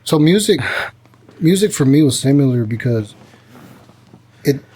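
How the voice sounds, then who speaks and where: Husky-voiced man hosting a podcast. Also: medium pitch, animated, a little slow, dark tone. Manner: candid, self-deprecating and reflective. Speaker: podcast host. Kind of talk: casual conversational interview.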